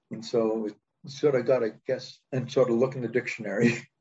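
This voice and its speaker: A man presenting a nomination and answering questions, hesitant and laughing softly between thoughts. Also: medium pitch, little pitch movement, moderate pace, breathy edge, muffled recording. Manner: hesitant, frequent soft laughs.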